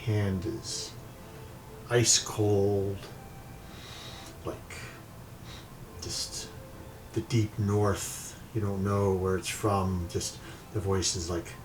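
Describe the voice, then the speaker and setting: A man's voice: fairly low pitch, level tone, extremely slow, pauses often, poor audio. A man narrating as game master in a tabletop game, describing scenes loosely with many fillers. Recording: mic set back, faint music.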